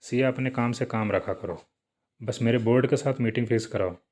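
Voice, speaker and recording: A man voicing a sharp-tongued young woman boss who scolds and snaps. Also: medium pitch, fairly quick, close to an everyday voice. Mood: irritated. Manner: scolding, curt.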